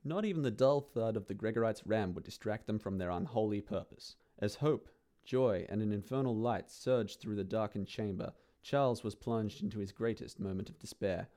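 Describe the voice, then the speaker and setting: A man telling a grim fantasy tale in a low, mellow voice. His delivery is dry and theatrical, savouring each grisly turn. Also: normal speed. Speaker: narrator. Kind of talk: dramatic dark-fantasy storytelling.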